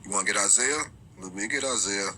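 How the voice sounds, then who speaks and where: A man teaching scripture informally, reading verses aloud slowly and often stumbling and repeating his words. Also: fairly low pitch, sharp tone, a little hiss or hum, rough recording.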